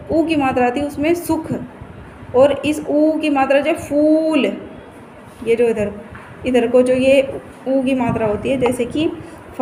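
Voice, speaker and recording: A woman's voice: sits high, darkish tone. A woman teacher patiently explaining Hindi vowel signs, repeating and stretching each word. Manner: patient, repeats and stretches words, points at the board. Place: classroom. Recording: echoey room with faint noise.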